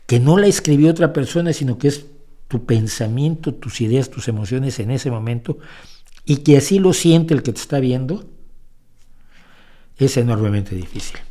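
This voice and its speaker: This man's warm voice sits in the mid range. Hosting a show, he answers viewer questions in a loose, rambling monologue, restarting and correcting himself often while voicing emphatic opinions.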